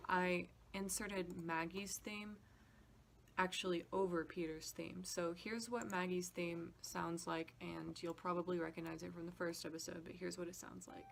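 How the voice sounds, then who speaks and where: This woman, a podcast composer, speaks at normal speed in a fairly low, creaky voice with fairly even intonation, and slight background noise is present. She offers an informal, slightly hesitant behind-the-scenes walkthrough as music demo clips play.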